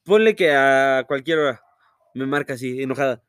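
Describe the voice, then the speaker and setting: A man's voice: mid-range voice, normal speed, fairly bright tone, clear, resonant tone, no echo, clean studio sound. A young man with a Mexican Spanish accent, co-hosting a casual podcast chat and mimicking his mother in a slangy way. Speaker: podcast co-host.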